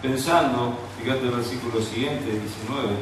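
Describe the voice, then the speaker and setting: A man preaching a sermon with a Rioplatense Argentine accent, moving between quiet storytelling and fervent, raised preaching. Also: medium pitch, moderate pace, a little hiss or hum. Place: church hall. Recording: echoey church hall, distant mic.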